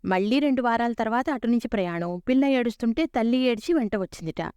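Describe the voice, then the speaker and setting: A woman reading a humorous short story aloud, a storyteller who gives the dialogue lively voices. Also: a little high, quick pace, clear, resonant tone, dry recording.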